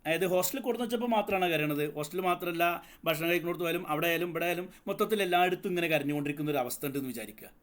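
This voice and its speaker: A man's voice: on the high side, very fast. A man teaching a psychology lesson, explaining step by step, asking the class questions and mixing in English terms. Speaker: psychology tutor. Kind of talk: lecture.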